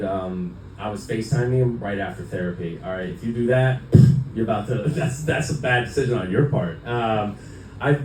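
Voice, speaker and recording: A man's voice: lowish voice, a little mellow. Young man, stand-up comedian, rambling and profane, echoey club, distant mic, faint room hum. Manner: loose, rambling, profane, lots of fillers. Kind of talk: stand-up set.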